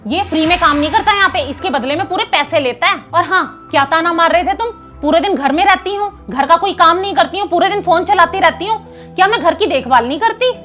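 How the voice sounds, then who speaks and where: A woman's voice: very high voice, fast, fairly bright tone, soft background music. A woman acting a bossy wealthy house mistress who scolds and taunts in a short drama skit. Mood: arguing. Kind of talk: scripted Hindi skit acting.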